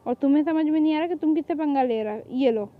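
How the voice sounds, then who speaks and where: A woman's voice: high voice, quick pace, phone-quality sound, natural voice. A woman voicing a feisty young woman who is a devoted boy-band fan, talking in a scolding, defiant way in a hobby fan drama.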